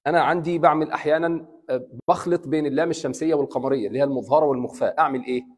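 Egyptian-accented imam teaching in a hall. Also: male voice, a little high. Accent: Egyptian Arabic. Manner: explains slowly, repeating examples and asking the class questions. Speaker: imam teaching Quran recitation. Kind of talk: bilingual classroom lecture. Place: mosque hall.

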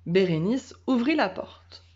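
A woman teacher reading a children's storybook aloud in a calm, measured way. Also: mid-range voice, breathy edge. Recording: dull lo-fi sound.

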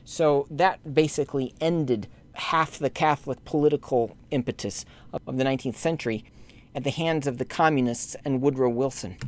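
This man's voice sits at medium pitch with a slightly mellow quality as he narrates slides, reproaching church leaders. Indignation sends his tone climbing sharply, though historical explanations come out calm and measured. He is a lay commentator speaking to bishops.

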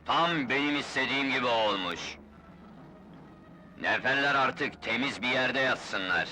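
A man's voice: medium pitch, lively intonation, measured pace, pushed and bright. A man playing a smug, domineering corporal in the manner of an old film villain, on a noisy soundtrack.

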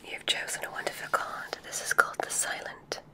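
In an ASMR roleplay, a woman plays a kindly witch examiner, whispering gentle, deliberate instructions in a soft, breathy voice.

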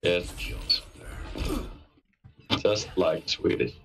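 Deep-voiced teasing gamer on voice chat. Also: steady tone, very slow, vocal fry. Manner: teasing, swears often. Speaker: teammate in voice chat. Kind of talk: casual joking gaming chat.

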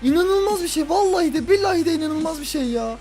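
A young man with a high-pitched voice calls out his own football video game match. He grumbles about lag, then bursts into loud, exasperated shouts. Faint music plays underneath. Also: lively intonation, fast. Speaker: gaming YouTuber. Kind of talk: live football game commentary.

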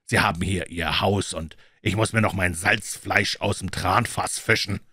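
A man's voice: sits low, fairly even intonation, moderate pace, bright, forceful tone, breathy edge, dry recording, studio quality, heavily acted. A man reading the lines of a shabby, sly old sailor in a storybook, with a sneering, insinuating manner.

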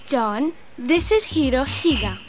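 A woman speaking in a scripted textbook listening recording, slow and carefully enunciated. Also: high voice, expressive, slight background noise. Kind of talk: scripted course audio.

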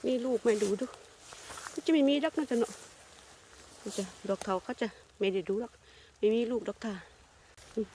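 An older Thai woman with an Isan accent, narrating a casual foraging vlog in a forest and chatting warmly to her viewers. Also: fairly high pitch, normal speed, pauses often, a little hiss or hum. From Thailand. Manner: chatty, warmly addresses viewers as kin, sweet polite endings. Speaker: vlogger. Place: forest outdoors.

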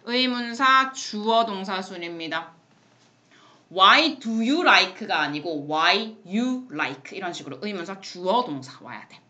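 A woman teaching an English lesson in a classroom, explaining phrases in Korean and reading example sentences slowly, with blunt, playful asides to her students. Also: mid-range voice, lively intonation, pushed and bright.

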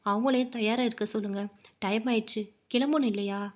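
Woman reading a nasty scheming daughter-in-law, sharp and scolding, highish voice. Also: steady tone, fairly quick, close to an everyday voice. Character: scheming shrill young daughter-in-law, harsh and accusing.

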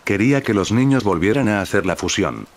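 A man voicing an anxious male deity in a fan-fiction audio story, speaking with hurried urgency. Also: fairly low pitch, animated. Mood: urgent.

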